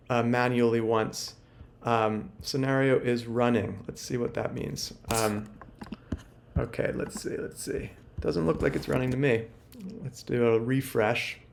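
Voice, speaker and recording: Casual man thinking aloud while teaching. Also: medium pitch. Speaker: workshop instructor. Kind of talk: screen-share tutorial walkthrough.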